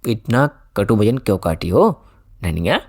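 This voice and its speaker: A man voicing a moralizing village elder in an audiobook, lecturing slowly. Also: on the low side, very animated, no room sound, studio quality, voice pushed down, exaggerated voice.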